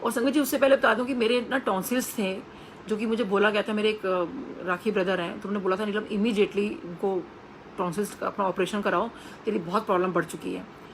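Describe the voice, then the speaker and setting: A woman's voice: medium pitch, fairly even intonation, fairly quick, a little hiss or hum, low-quality recording. A woman telling an earnest personal testimony to a congregation, acting out the voices of the people she quotes. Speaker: devotee sharing a testimony.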